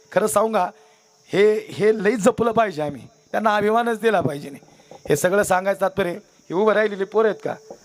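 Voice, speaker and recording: A man preaching a devotional kirtan sermon on stage, fervent and exhorting, speaking directly to a seated audience and weaving in stories. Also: high voice.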